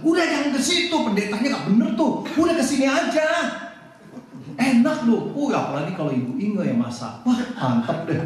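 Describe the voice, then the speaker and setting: A man preaching a sermon as pastor, animated and joking with his congregation. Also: on the high side, recorded from a distance. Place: church hall. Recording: echoey church hall, mic off. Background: congregation responding.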